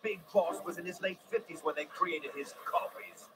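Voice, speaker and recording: An actor playing a menacing older English villain in a video game, with a theatrical, taunting snake-villain voice. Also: male voice, a little high, moderate pace, noisy background, close to an everyday voice. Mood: gloating menace. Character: menacing, taunting older male villain speaking as his arch-rival brother.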